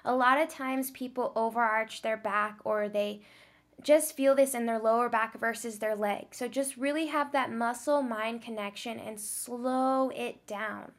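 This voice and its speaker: A woman's voice: fairly high pitch, fairly even intonation, a little slow. A woman fitness vlogger giving encouraging step-by-step workout instructions. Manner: encouraging, coaching.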